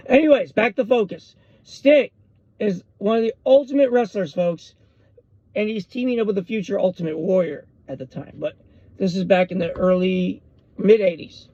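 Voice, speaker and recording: A man, rambling excitedly and jumping between topics as he hosts a casual solo podcast. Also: sits high, creaky, no echo. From US West Coast. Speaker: podcast host. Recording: dull lo-fi dry recording.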